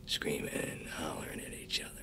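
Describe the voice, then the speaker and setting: An actor playing a calm, dry-humored army commander who gives clipped orders in a hushed voice. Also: male voice, a little fast, in a whisper, natural voice. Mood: storytelling, hushed. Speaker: commanding officer. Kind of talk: film dialogue.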